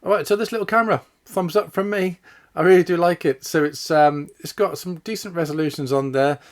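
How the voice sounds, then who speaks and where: A man's voice: a little high, brisk. A man giving casual, chatty vlog commentary as he tests and reviews a camera. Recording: wind and vehicle noise behind.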